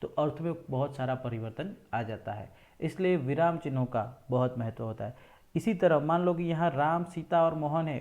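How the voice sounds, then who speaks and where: A man's voice: a little high, darkish tone, muffled recording. A man teaching a school grammar lesson, explaining step by step and repeating examples.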